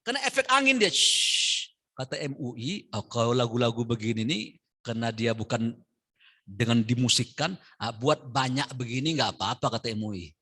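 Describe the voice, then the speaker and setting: A man giving a midday sermon in a mosque. He chants verses in Arabic and explains them in a lively way, swinging from quiet asides to loud stresses. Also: mid-range voice, brisk, husky. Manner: lively, shifts from soft asides to loud emphasis; addresses listeners as "Pak". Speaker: preacher.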